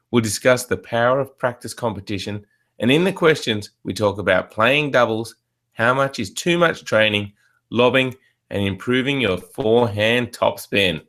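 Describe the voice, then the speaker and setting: A man's voice: mid-range voice, fairly bright tone. A man with an Australian accent hosting a table tennis question show, friendly and easygoing in casual chat. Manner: friendly, easygoing, scripted intro then banter. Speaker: show host.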